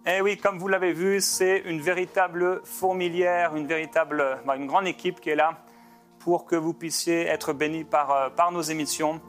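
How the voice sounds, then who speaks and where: A man's voice: a little high, steady tone, faint music behind. Fervent rambling pastor man. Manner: fervent, rambling, with many filler pauses and restarts. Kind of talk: informal ministry talk to viewers.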